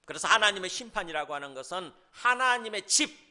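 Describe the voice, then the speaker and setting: A man's voice: high voice, expressive, fairly quick, pushed and bright. A man preaching a sermon as senior pastor, asking the congregation questions and acting out the voices he quotes.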